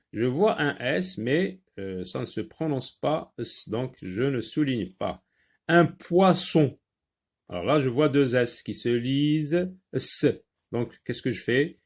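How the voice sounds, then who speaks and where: A man takes a beginners' reading class through one word at a time, drawing each word out carefully before he says it again. His delivery is unhurried, and his pitch rises and falls a lot as he sounds out syllables and asks the class what to do next. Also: darkish tone. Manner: slow, careful, stretches out words for young learners; repeats words and asks himself questions. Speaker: teacher. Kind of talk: early reading lesson.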